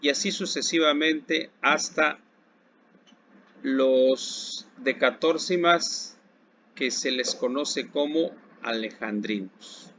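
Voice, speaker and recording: A man with a Mexican accent teaching a recorded Spanish lesson to secondary school students. He speaks slowly and deliberately, asking a question and then answering it himself. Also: mid-range voice, fairly bright tone. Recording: dull lo-fi recording with faint background hiss.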